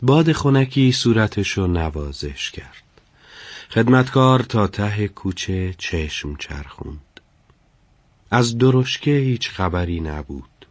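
Deep-voiced man narrating a story. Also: no room sound. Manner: measured, solemn storytelling. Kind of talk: scripted narration.

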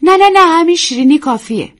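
A woman voicing a shy, blushing young married woman who speaks timidly and haltingly. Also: high-pitched, animated, pitched above the performer's own voice. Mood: shy, flustered. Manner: timid, hesitant.

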